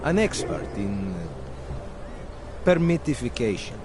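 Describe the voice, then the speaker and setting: Deadpan, menacing checkpoint cop, animated pitch. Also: male voice, slow. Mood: slick, coaxing. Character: corrupt, menacing male checkpoint policeman, smugly officious. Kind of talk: video game character dialogue. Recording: noisy outdoor urban street with vehicles.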